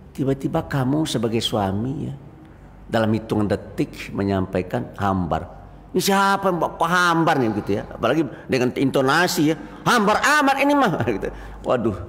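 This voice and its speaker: An older man preaches in a lively, storytelling way and keeps slipping into the voices of the people in his stories. His pitch swings widely as he talks, and a long reverb from the mosque hall trails behind every phrase. A faint hiss sits under the whole recording. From Indonesia. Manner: animated storytelling, acting out quoted voices. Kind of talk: mosque sermon after dawn prayer.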